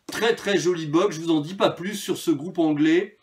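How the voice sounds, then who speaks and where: A man's voice: a little high, moderate pace, darkish tone. A man presenting his vinyl records in a casual video, talking freely with many hesitations and fillers. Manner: chatty, hesitant with frequent fillers.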